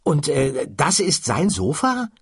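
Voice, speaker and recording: A man's voice: fairly high pitch, huge pitch swings, breathy edge, dry recording, studio quality, pitched above the performer's own voice, full character voice. A man reading an audiobook and voicing a bewildered, hesitant ordinary man who stumbles over his words. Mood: puzzled. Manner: hesitant, halting with fillers. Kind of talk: audiobook character voice.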